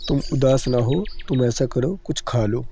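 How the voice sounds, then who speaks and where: A man's voice: mid-range voice, a little slow, over music, close to an everyday voice. A man voicing Heera, a kind and sensible male crow, in a cartoon.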